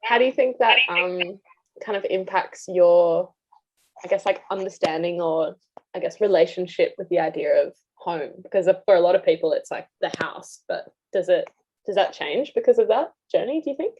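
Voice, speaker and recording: A young woman hosting an interview, upbeat and quick with "amazing" and "fantastic" between questions. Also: lowish voice, breathy edge. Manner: enthusiastic, repeats "amazing" and "fantastic". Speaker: interview host. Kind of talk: casual interview. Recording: dull lo-fi sound.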